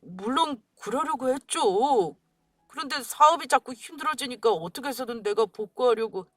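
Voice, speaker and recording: A spineless young husband, played by a woman, who stammers and pleads his way through trouble in a radio drama. The voice sits high and bounces around, recorded dry and close. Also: lively intonation, normal speed, no echo, faint music behind. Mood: pleading. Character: weak, stammering grown son and husband.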